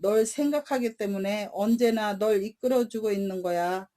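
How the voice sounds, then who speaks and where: A woman's voice: medium pitch, normal speed, dark tone, natural voice. A woman voicing a self-assured snake's head in a bedtime story, speaking in a scolding, patronizing manner.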